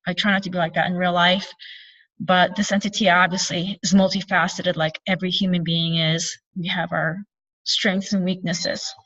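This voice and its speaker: A woman's voice: medium pitch, a bit bright. A woman recounting a spiritual experience in an earnest, meandering way, often correcting herself. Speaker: spiritual channeler and speaker. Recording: distant, dull lo-fi sound.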